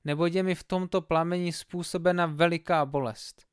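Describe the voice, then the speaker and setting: A man's voice: fairly high pitch, steady tone, smooth, no echo, clean studio sound, pitched above the performer's own voice, lightly acted. A man voicing a tormented rich man who begs from the flames in a strained, pleading voice, in a Bible story reading.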